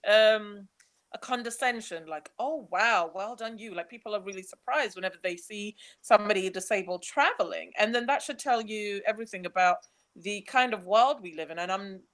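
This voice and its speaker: A young woman from Nigeria, speaking, gives a chatty, animated webinar talk about her travels while slides are changed. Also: mid-range voice, normal speed. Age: young adult. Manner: chatty, animated, laughs easily.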